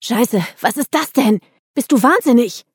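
A woman voicing a panicky, outspoken woman accomplice who talks in shrill, agitated bursts in an audiobook. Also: measured pace, dark tone, no room sound, studio quality. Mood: panicked.

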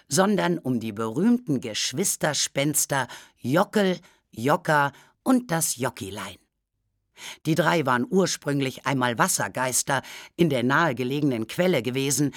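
A narrator reading a children's storybook aloud with calm, unhurried storytelling. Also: mid-range voice, dry recording, clean studio sound. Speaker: audiobook narrator.

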